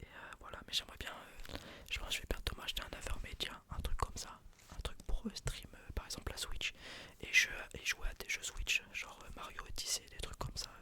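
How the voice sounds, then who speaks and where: Whispering softly and breathily, as if late at night, a young man who makes ASMR videos and streams chats in a loose, halting way. His murmur is quiet and never rushed.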